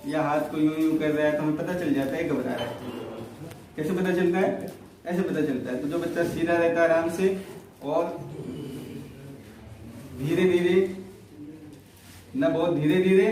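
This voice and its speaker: A man talking to children about how their speeches are judged, explaining slowly and asking the children questions as he goes. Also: on the high side, background noise. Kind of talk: teaching talk to children. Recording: very echoey hall, from far off.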